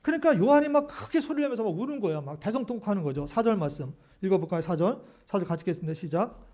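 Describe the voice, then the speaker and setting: A man's voice: high voice, animated, rapid-fire, dark tone. A male pastor preaching a sermon, speaking animatedly to the congregation and often asking rhetorical questions.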